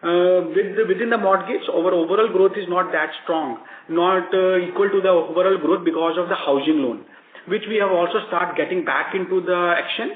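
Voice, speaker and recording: A man, a bank executive explaining results to analysts on a conference call, halting and rephrasing as he goes. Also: sits high, slight background noise. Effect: heard over a conference call line. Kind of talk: answering analyst questions on an earnings conference call. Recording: tinny echoey conference call line.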